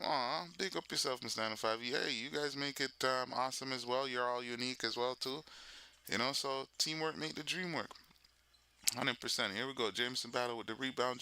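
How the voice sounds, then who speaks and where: Gravelly, sharp-toned male livestream host. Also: mid-range voice. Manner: casual, chatty, reacts to viewers and plays; loose with many fillers and restarts. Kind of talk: live game watch-party commentary.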